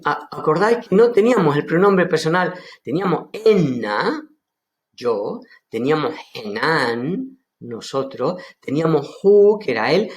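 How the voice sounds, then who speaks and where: A man from Seville with an Andalusian accent, teaching an online language lesson and enthusiastically explaining words, repeating them slowly. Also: a little high. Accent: Andalusian Spanish. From Seville, Spain. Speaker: Aramaic teacher.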